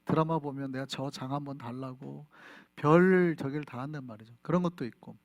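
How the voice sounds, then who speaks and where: A middle-aged pastor at a church in Flushing, New York, preaches a sermon in a conversational style, frequently putting questions to the congregation. His voice is on the high side, and the recording is dry and studio quality.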